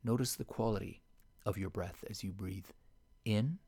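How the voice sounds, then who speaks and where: A man leading a guided meditation in a soft, slow and soothing voice that sometimes sinks to a whisper. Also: lowish voice, slightly rough.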